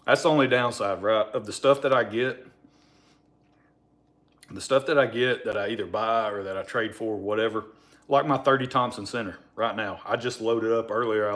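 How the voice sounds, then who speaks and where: Man, fairly low pitch, mumbled marbles-in-mouth diction, rambling, informal livestream chat. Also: a bit bright. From Alabama, United States. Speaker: livestream host.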